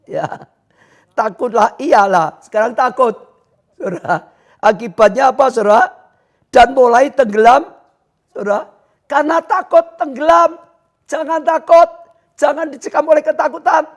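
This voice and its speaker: A man preaching a livestreamed sermon, shouting fervently at times and then dropping to a quiet voice. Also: extremely high pitch, normal speed. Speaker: pastor.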